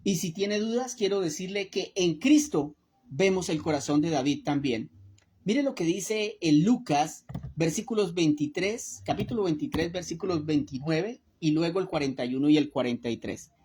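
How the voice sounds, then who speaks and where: A woman's voice: lowish voice, animated, normal speed, a little mellow, slight background noise. A woman giving an earnest Bible study sermon, speaking to her listeners as brothers and asking them rhetorical questions. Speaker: Bible teacher.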